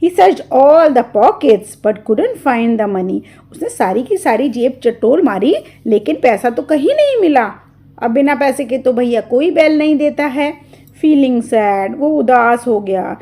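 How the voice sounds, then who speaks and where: A woman's voice: sits high, expressive, takes it slowly, dark tone. A woman tutor who reads each line of a story and then explains it in a lesson.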